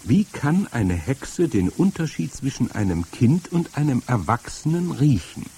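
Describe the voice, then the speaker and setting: A man reading aloud and voicing an anxious, indignant young child with a husky voice. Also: measured pace, full character voice. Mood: curious, worried. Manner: high, excited, pleading. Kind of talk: audiobook reading.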